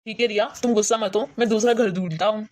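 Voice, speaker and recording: A woman's voice: medium pitch, fairly even intonation, quick pace, a little mellow, lightly acted. A woman voicing a patient young husband in a cartoon story, reasoning and pleading.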